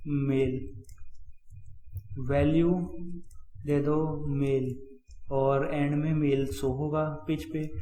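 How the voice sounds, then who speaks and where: A man's voice: fairly high pitch, warm tone, echoey room, poor audio. A man teaching web coding in a chatty screen-recorded lesson, talking straight to viewers and repeating key points. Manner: chatty, addresses viewers as guys and brother, repeats himself. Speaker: coding tutor.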